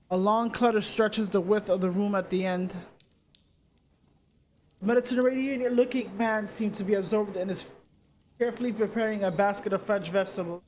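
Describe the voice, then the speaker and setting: A streamer, a man with a high voice, reads a story game aloud at an even pace, now and then tripping over a word and restarting. A faint hiss sits under his voice. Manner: steady reading with occasional slips and restarts.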